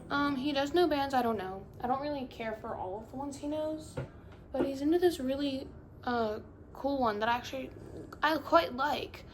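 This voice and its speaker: In this phone-recorded vlog, a young woman with a high voice talks at normal speed, chatting casually to camera. She rambles, cuts herself off often, and puts on a valley-girl inflection while faint music plays behind her.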